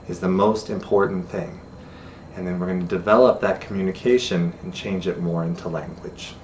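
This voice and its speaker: A man's voice: sits low, darkish tone. A middle-aged man teaching a friendly beginner sign language lesson to camera, chatty and laughing at himself. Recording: distant camera mic with faint room noise.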